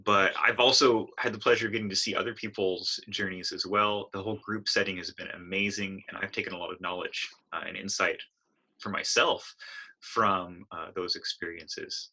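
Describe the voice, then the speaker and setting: Over poor audio, a man with a low, husky voice and steady tone speaks at normal speed as he hosts a casual podcast interview. Warm yet hesitant, he introduces his guest with frequent "uh"s.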